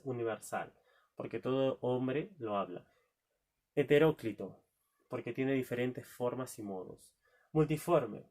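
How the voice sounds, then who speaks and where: A man teaching a recorded lesson, asking rhetorical questions and answering them himself, drawing out key words. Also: medium pitch. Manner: drawn-out stressed key words.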